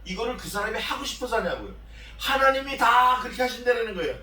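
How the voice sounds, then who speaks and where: A man preaching an expository sermon as pastor, animated, questioning his congregation and acting out scripture voices. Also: very high voice, fast talker, roomy sound, distant mic, poor audio. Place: church sanctuary.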